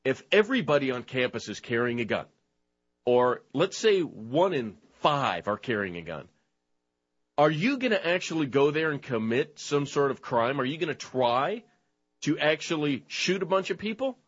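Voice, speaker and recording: A man's voice: medium pitch, sing-song, normal speed, breathy edge. A man hosting a talk show, ranting in combative commentary, mocking and name-calling his targets. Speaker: show host. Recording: dull lo-fi recording.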